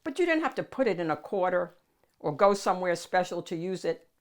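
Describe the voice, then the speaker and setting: Reading a picture book aloud to young listeners, a woman hosts storytime with dramatic pauses and stretched-out key words. Her voice sits fairly low and swings widely in pitch.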